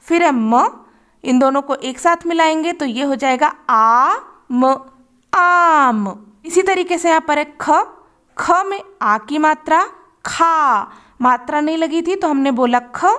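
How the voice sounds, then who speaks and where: A Hindi reading teacher with a high, slightly bright voice gives a children's phonics lesson. She slowly and patiently sounds out letters and syllables one by one, drawing out each sound.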